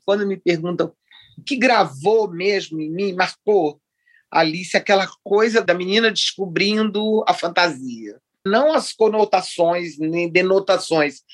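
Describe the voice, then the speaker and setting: Her voice is lowish and husky. In her sixties and hailing from Rio de Janeiro, Brazil, the writer is relaxed as an interview guest, frequently laughing and spinning out long digressions.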